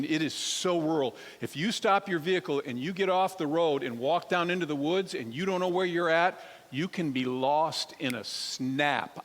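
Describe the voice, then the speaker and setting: A male pastor preaching a sermon to a church crowd, telling a personal story in an animated way and speaking straight to the listeners. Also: a little high. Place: church sanctuary. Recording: long hall reverb.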